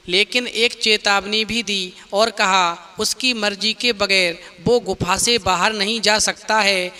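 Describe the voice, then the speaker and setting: High, sharp-voiced male storyteller. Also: clean tone. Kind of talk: devotional story narration.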